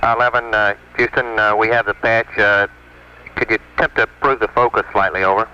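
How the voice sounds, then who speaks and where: A man's voice: fairly low pitch, steady tone, fairly quick. An American man at mission control, speaking in clipped radio procedure over a space radio link. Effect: space radio transmission. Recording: noisy, dull 1960s space radio with clicks.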